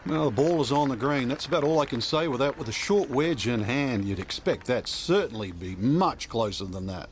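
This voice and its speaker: A man's voice: mid-range voice, lively intonation, moderate pace, natural voice. A man playing a candid golf analyst, giving conversational commentary in a video game. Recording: crowd ambience and clear outdoor noise. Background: golf crowd ambience.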